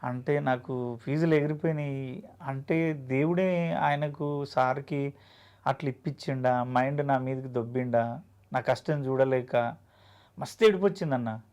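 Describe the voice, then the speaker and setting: A man's voice: mid-range voice, a little slow, a little mellow, clear, resonant tone. A man, an actor telling his story earnestly and emotionally in an interview, often acting out dialogue.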